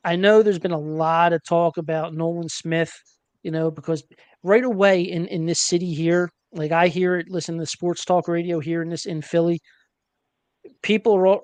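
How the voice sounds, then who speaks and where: A man hosting a casual sports podcast, chatty and hesitant, filling pauses with ums and uhs. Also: a little high, clear, resonant tone, dry recording. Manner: chatty, hesitant with many fillers. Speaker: podcast host.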